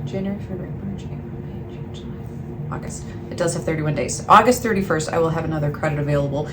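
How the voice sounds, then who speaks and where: Talking fast and expressively in a deep voice, the book vlogger chats to camera in a self-deprecating, rambling way, frequently letting thoughts trail off. The recording is clearly noisy with ambient background sound.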